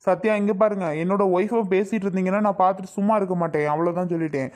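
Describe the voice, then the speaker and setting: A woman's voice: medium pitch, fairly even intonation, rapid-fire, a little mellow, natural voice. A woman voicing a protective young husband in a cartoon, talking firmly and warning. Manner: firm, warning. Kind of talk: cartoon voice acting.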